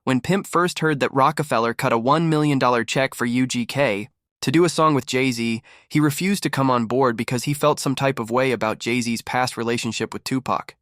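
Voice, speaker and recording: A man's voice: medium pitch, a little fast, fairly bright tone, no echo, studio quality. A man delivering scripted gossip commentary as a narrator.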